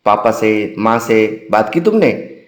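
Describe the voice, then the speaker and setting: Man playing a calm male teacher, gentle, reassuring, roomy echo. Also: lowish voice, slow, pitched below the performer's own voice.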